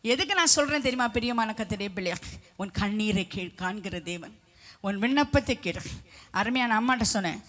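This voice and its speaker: Fervent middle-aged woman preacher, bright voice. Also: medium pitch, animated, a little fast. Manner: fervent, swelling to loud emphatic declarations; breaks into sung hymn lines. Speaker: preacher giving testimony. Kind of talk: impassioned testimony sermon.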